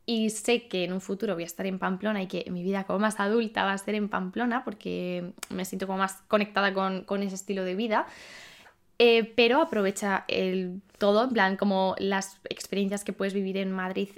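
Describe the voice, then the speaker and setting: A woman's voice: mid-range voice, little pitch movement, fairly quick. A woman in her twenties from Spain, hosting a podcast and talking casually about her life, thinking aloud with many fillers and questions to herself. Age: 20s. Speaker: podcast host. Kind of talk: casual monologue.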